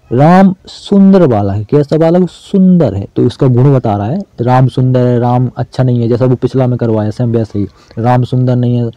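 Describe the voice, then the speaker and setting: A man talks through exam questions like a relaxed teacher. He often asks a question and answers it himself. His voice is very dark and mellow, recorded dry and slightly dull. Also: medium pitch, no room sound. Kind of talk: casual exam-prep lesson.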